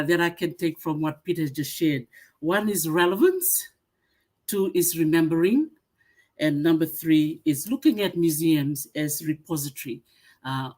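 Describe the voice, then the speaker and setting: Low-voiced woman from Fiji presenting. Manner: many "uh" fillers, warm greetings, listing points. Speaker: museum association secretary-general speaker. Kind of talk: webinar presentation.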